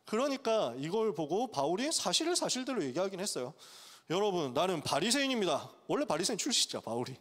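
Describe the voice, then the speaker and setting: A male pastor preaching to college students, telling the story in a lively way and acting out its characters' voices. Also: high voice, fast talker. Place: church sanctuary. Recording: long church hall reverb.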